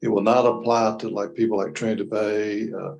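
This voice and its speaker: A man's voice: fairly low pitch, level tone, a little fast, vocal fry, a little mellow, dull audio. A man presenting an agenda item at a county meeting, plainspoken and hesitant with frequent fillers. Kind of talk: explaining a policy at a public meeting.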